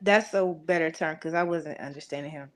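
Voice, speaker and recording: A woman's voice: low-pitched, fairly quick. A woman in her twenties talking casually as a guest on a panel. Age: 20s.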